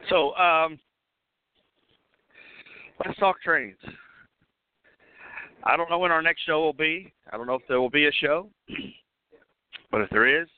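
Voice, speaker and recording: A man hosting a casual live call-in show while roving outdoors at an event, talking with many fillers and restarts, coughing and clearing his throat now and then. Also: on the high side, measured pace, pauses often, dry recording. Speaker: host. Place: outdoors at a railway depot event. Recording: tinny phone line, dry.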